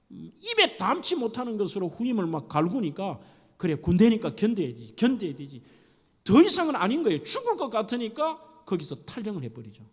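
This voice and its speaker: A middle-aged male pastor preaching a sermon with dramatic storytelling, acting out scenes. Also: high-pitched. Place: church sanctuary. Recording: echoey church hall.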